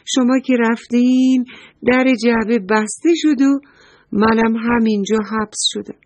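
Lady putting on a tiny green pencil voice, high and pleading, storybook style. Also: steady tone, no room sound, close to an everyday voice. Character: young green pencil, trapped and calling for help.

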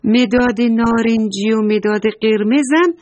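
A woman's voice: fairly high pitch, a little mellow, no room sound. A woman reading a story aloud to young children, talking to them fondly and asking them questions. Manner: affectionate, asks the children questions.

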